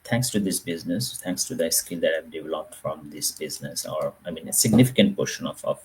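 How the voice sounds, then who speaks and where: A man, introducing himself on a webinar panel in a measured way with frequent pauses, over a video call. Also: rumbling low, darkish tone, a little hiss or hum, low-quality recording. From Bangladesh.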